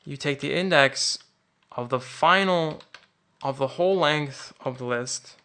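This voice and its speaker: A man's voice: fairly high pitch, a little slow, sharp tone. A man teaching programming in an informal, think-aloud way, often restarting his sentences, over a screen-recorded coding tutorial. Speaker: programming instructor.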